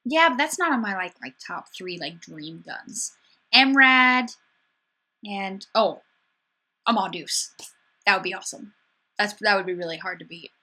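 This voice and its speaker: Bright-voiced young woman from Wisconsin chatting. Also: medium pitch, lively intonation. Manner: chatty, upbeat, sarcastic, quick restarts. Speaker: livestream host. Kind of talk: casual livestream chat reading viewer comments. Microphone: webcam mic.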